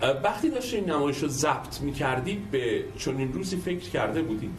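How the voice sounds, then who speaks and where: A male television interviewer with a middle-pitched voice. He asks pointed questions and keeps pressing his guests for a clear answer. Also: sing-song. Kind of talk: probing studio interview.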